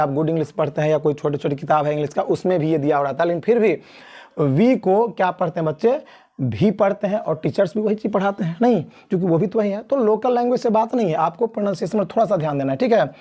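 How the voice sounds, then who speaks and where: A male teacher from Mithila gives a beginners' lesson at a board. His voice is mellow and dark, and he speaks slowly and deliberately, drawing out each letter and repeating key points. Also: high-pitched. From Mithila region of India. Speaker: English teacher.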